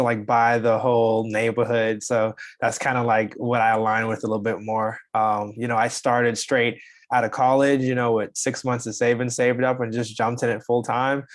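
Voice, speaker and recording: A young man from the Bahamas, a guest in a casual interview over a video call, answering in an easygoing, agreeable way. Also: medium pitch. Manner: easygoing, agreeable, many "you know"s. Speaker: guest, real estate investor.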